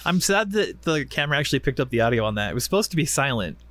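A man's voice: mid-range voice, big pitch swings, racing, a bit bright, no room sound. A man co-hosting a casual chat podcast, laid-back and joking, often laughing as he talks. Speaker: podcast co-host.

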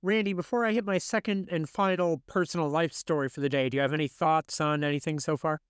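Animated, swearing young man telling stories. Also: on the high side, quick pace, clear, resonant tone, no echo. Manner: animated, swears freely, acts out quotes. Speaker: podcast host. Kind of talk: casual storytelling chat.

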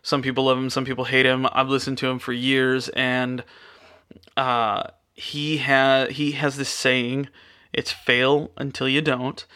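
A man's voice: medium pitch, a little slow, clear, resonant tone. A young man hosting his own podcast from a spare-bedroom studio, chatting casually with lots of fillers and restarts. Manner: relaxed, many fillers and restarts. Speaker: podcast host. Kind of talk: casual rambling monologue. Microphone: studio microphone.

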